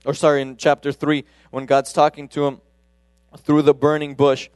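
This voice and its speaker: A man's voice: on the high side, monotone, normal speed, clean tone, no room sound, clean studio sound. A man giving a conversational sermon, often breaking off and restarting his sentences. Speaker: preacher. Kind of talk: casual sermon.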